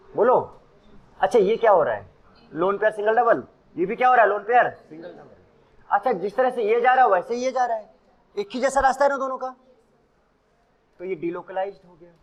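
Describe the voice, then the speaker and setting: A man teaching chemistry in a classroom, switching between Hindi and English as he explains. His voice sits high and swings widely in pitch, and he keeps pausing to quiz his students. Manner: mixes Hindi and English, quizzes students with questions. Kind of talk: classroom lecture.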